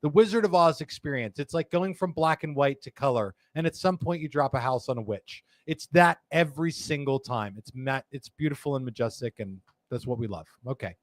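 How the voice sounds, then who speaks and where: A man hosts a live cigar show in casual live-stream chat, joking, rambling and reading viewer comments aloud. His mid-range voice moves a little fast with few pauses, and there's no echo.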